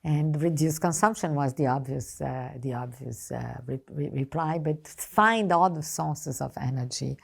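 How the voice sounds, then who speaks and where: Brazilian-accented woman diplomat, low and gravelly, careful and hesitant interview delivery, Portuguese native. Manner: hesitant, halting, choosing words carefully. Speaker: ambassador being interviewed. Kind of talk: formal interview answers.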